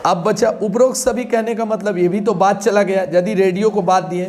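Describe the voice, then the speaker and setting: A man's voice: high-pitched, fairly even intonation, normal speed, a little mellow. A man teaching an exam-prep class, explaining points with questions and everyday examples.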